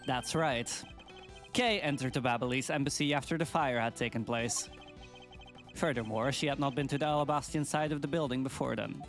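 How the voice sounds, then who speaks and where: A man's voice: medium pitch, a little fast, fairly bright tone, faint music behind, close to an everyday voice. A man voicing a stern, formal investigator in a video game, speaking in precise, logical arguments. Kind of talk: video game voice-over read live.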